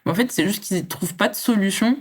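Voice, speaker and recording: Appearing as an interview guest, this champion athlete from France speaks fast at a medium pitch. She's young and reflective, and her casual talk is full of fillers and restarts.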